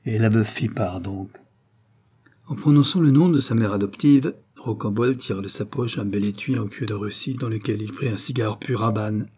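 A man narrating a classic novel in a steady, measured reading. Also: on the low side, husky. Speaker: audiobook narrator.

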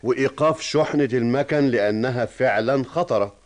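A man's voice: mid-range voice, brisk, close to an everyday voice. A man playing a stern probing director. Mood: explaining. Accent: Egyptian Arabic. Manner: questioning, authoritative. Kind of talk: radio drama acting.

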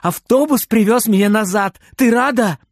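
A high wailing little boy. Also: no echo, studio quality. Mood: overjoyed. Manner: high, wailing, slow, crying out. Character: small weepy boy, frightened then overjoyed.

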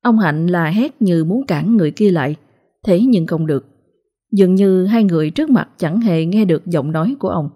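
A woman narrating a ghost story in a steady, dramatic way. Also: lowish voice, normal speed, slightly rough.

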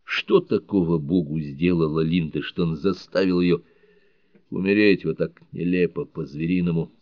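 A man reading an audiobook thriller, voicing a scornful, blunt middle-aged man who talks loudly and mockingly, on a dull lo-fi recording. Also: low-pitched, steady tone, normal speed, no echo, close to an everyday voice. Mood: bitter. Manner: loud, mocking, provocative.

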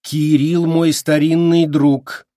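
A man voicing an angry, defiant woman who talks sharply and shouts. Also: fairly high pitch, expressive, normal speed, no echo, clean studio sound, pitched above the performer's own voice, natural voice. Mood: cold.

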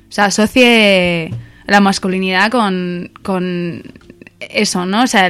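A woman in a casual discussion, telling an anecdote in an animated way. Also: fairly low pitch, clean tone. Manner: animated storytelling, acts out quoted voices. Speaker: radio show participant.

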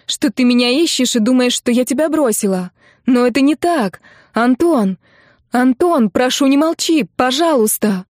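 A woman voicing a young female student who pleads in a high, loud, tearful voice in a dry audiobook recording. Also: moderate pace, few pauses, no room sound, natural voice. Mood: desperate.

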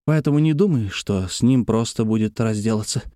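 A man's voice: on the low side, a little fast, dark tone, no echo, clean studio sound, natural voice. A man reading as a cautious, reasoning young son. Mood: warning. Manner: reasoning, level-headed. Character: landowner's cautious adult son.

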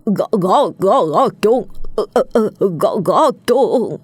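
A woman's voice: mid-range voice, lively intonation, slow, a little mellow, husky, dry recording, clean studio sound, voice pushed up. A woman putting on a stern old exorcist. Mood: gasping. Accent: Southern Vietnamese. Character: feeble old male exorcist, stern and urgent.

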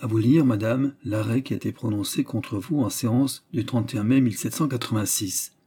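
Un greffier de cour grave et solennel, lu par un homme dans un livre audio. Il parle avec une politesse froide et mesurée, d'une voix sombre et légèrement voilée. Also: male voice, medium pitch, warm tone, slightly rough. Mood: solemn. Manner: formal, measured and solemn. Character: grave, formal male court clerk, stern.

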